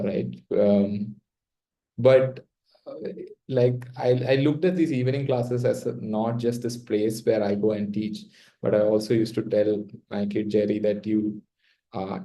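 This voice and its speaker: A young man with a South Indian accent, telling his own story in a reflective, casual way with hesitant pauses mid-sentence. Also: on the low side, mellow, rough recording. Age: young adult. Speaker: interview guest.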